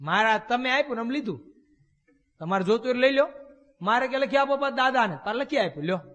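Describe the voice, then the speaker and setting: High-voiced preacher in a reverberant hall. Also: male voice, expressive, quick pace, a bit bright, lo-fi sound. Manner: folksy storytelling with rhetorical questions. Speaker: swami preacher. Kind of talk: storytelling sermon. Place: temple hall.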